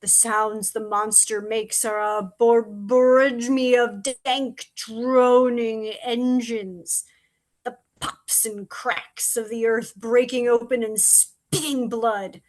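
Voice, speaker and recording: Crow: high, slow-spoken bird, desperate and pleading, read by a woman. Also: fairly even intonation. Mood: insistent. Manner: pleading, breathless, grows frantic. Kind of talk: audio drama reading.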